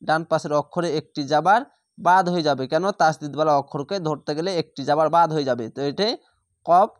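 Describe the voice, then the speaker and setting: A man's voice: fairly high pitch, no echo, studio quality. Man teaching Quran reading syllable by syllable. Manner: breaks words into syllables, slow drawn-out recitation of each word. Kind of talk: spelled-out Quran recitation lesson.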